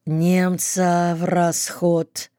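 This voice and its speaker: A woman's voice: on the low side, monotone, drawn-out words, clear, resonant tone, dry recording, clean studio sound. Woman reading a grim tired army captain. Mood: grim quiet. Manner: curt orders, quiet then barking.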